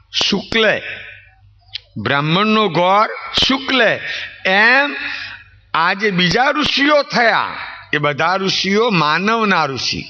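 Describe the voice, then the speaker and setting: Male preacher, high voice, story sermon with emphatic swoops, dull recording. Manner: rhetorical questions to the audience, swooping emphatic delivery.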